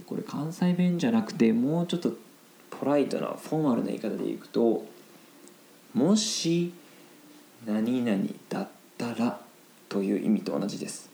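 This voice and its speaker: A man teaching Japanese vocabulary in a casual lesson, explaining slowly in simple Japanese with English glosses mixed in. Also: mid-range voice, gravelly, mellow, roomy sound, low-quality recording.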